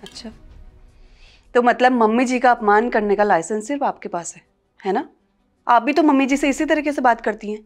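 A woman's voice: a little high, normal speed, long pauses, soft background music, natural voice. A woman playing a scolding young daughter-in-law. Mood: confronting. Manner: confrontational, scolding, rising loudness. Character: sharp-tongued young daughter-in-law, bold and outspoken. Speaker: actor in a short film. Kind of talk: Hindi family short film acting.

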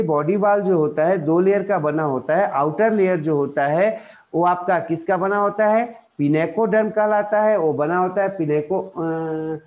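A man's voice: high-pitched, a little mellow. A man with an Indian accent teaching a biology lesson. He asks questions and answers them himself, with many fillers and restarts. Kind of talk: explanatory lecture in Hindi.

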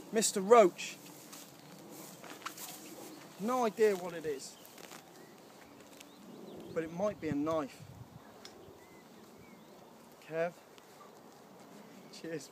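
Words come out drawn-out, with long pauses, from a high-voiced man in his thirties vlogging outdoors by a lake at a wild camp. Recorded on a handheld camera at arm's length with a little hiss or hum, he chats upbeatly and rambles, often saying um.

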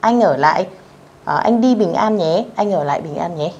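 A woman teaching beginners a language lesson, speaking patiently, repeating phrases slowly and checking that her students follow along. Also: fairly low pitch, expressive, a little mellow, lo-fi sound, slight background noise.

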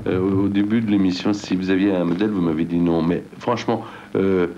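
A man's voice: sits low, fairly even intonation, brisk. A middle-aged man hosting a casual talk-show interview at a studio table microphone, asking probing, teasing questions. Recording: dull, noisy old TV tape.

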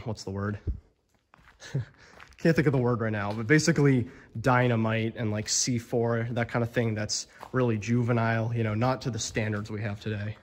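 Holding his phone at arm's length, a young adult explorer vlogger chats casually through an abandoned stone quarry cavern in a mid-range voice. He uses lots of fillers and sounds amazed, and the cave's long reverb trails after his words.

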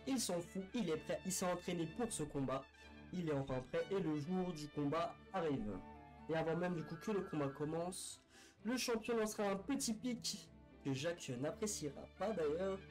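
A man with a fairly high voice recounts a sports history story at a moderate pace, casual and unscripted. He sounds hesitant, with lots of fillers and restarts. The recording is rough, and faint music plays in the background.

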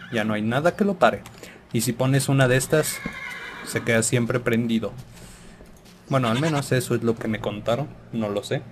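A man's voice: mid-range voice, background noise. A man hosting a gaming channel, playfully talking through his Minecraft session and humming sound effects. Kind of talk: Minecraft let's play commentary.

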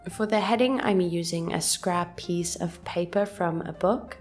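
A woman calmly narrating a scripted voice-over for her journaling video in a soft, gentle, unhurried way. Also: lowish voice. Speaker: journaling channel host. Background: soft background music.

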